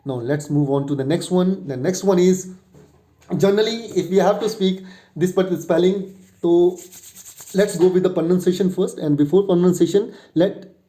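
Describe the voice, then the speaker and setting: Man, tutor, fairly high voice, mellow tone, spells letters out slowly. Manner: repetitive, explanatory, with fillers. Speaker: English tutor. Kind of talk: spelling and pronunciation lesson.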